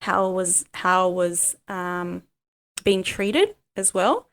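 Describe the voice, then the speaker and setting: Reflecting slowly and with lots of pauses and ums, a Cantonese-speaking life coach opens up as a guest in a candid interview. Her voice is lowish, with lively intonation.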